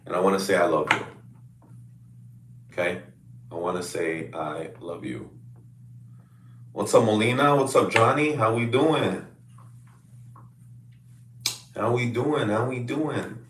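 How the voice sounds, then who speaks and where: A man coaching clients over a video call, chatting casually with loud, excitable hype-man energy. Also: fairly low pitch, unhurried, pauses often, roomy sound, recorded from a distance, background noise. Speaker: fitness coach.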